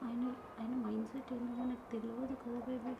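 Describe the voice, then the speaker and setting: Worried woman urging caution, high and quick, with noise behind. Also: little pitch movement, vocal fry, highs cut off. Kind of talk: comic prank skit.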